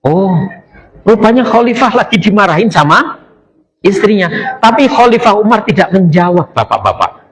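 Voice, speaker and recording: A man gives a sermon in a lively, swinging voice that sits a bit high for a man. He keeps putting questions to his listeners and teases them with jokes. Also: a little hiss or hum, poor audio. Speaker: preacher. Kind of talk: sermon, lively religious talk. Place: mosque after dawn prayer.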